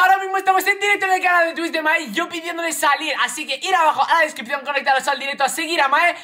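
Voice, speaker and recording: A young man from Spain with a Spanish accent, doing excited gameplay commentary, going from hushed whispers to shouts and repeating himself rapidly. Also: very high voice. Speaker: gaming YouTuber. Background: music.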